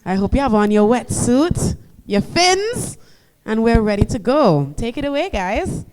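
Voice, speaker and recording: A woman's voice: on the high side, big pitch swings, unhurried, a little mellow, slight background noise. A woman hosting a conference session, introducing the speakers in a playful, joking way. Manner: playful, jokey. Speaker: session host. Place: conference hall.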